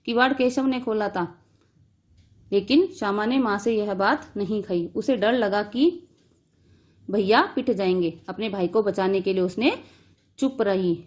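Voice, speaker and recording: Lady teacher reading a story lesson out loud, stops to explain each line simply. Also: medium pitch, measured pace, pauses often. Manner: reads a line, then restates it in simple words.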